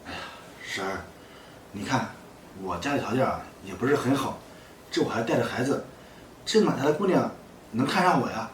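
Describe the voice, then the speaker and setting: A man's voice: medium pitch, expressive, moderate pace, pauses often, natural voice. An actor playing a kind-hearted young man raising a foundling, speaking earnestly with many fillers. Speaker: single father. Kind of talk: short web drama acting. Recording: echoey room with loud background noise.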